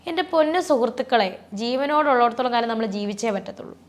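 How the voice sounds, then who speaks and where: A woman talking as an interview guest, rambling and restarting, her voice often sinking soft and low with emotion. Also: quick pace. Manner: rambling, many restarts and fillers. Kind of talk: personal interview talk.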